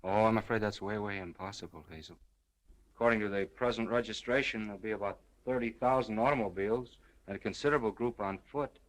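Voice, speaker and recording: An actor playing an earnest, smitten newspaperman, halting and tender, in 1930s screwball comedy film banter. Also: on the low side, close to an everyday voice, low-quality recording. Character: earnest, smitten newspaperman, awkwardly gentle and solemn.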